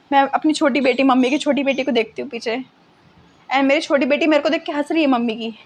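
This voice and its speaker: A young woman telling a funny personal story in a casual, self-mocking way, mixing English words into her talk. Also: sits high. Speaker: content creator.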